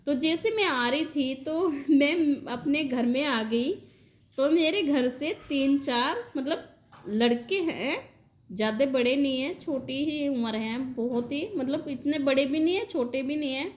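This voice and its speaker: A woman with a high voice tells a devotional dream in an earnest, rambling way. Her delivery is heartfelt and casual, and she speaks straight to her listeners. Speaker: devotional storyteller. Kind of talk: retelling a dream in casual speech.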